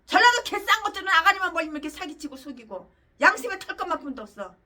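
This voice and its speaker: High-pitched, ranting woman pastor. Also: big pitch swings, quick pace, pushed and bright, recorded from a distance. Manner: angry, scornful, profane ranting. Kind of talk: fiery sermon.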